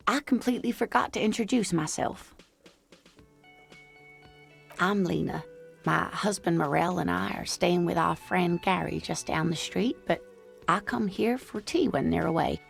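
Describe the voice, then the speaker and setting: A sweet old lady who fusses over everyone and calls strangers pet names. Her voice is low and gravelly with a husky edge. Heard in a dry game recording with faint music underneath. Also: dry recording, full character voice. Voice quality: crackly, gentle, doting. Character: sweet scatterbrained elderly married woman.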